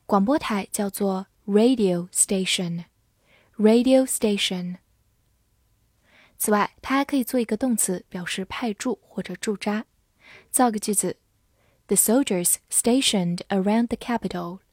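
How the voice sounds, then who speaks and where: Slow, dry-voiced woman teaching vocabulary. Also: medium pitch, darkish tone, dry recording. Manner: spells words letter by letter and reads example sentences slowly. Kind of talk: scripted vocabulary lesson.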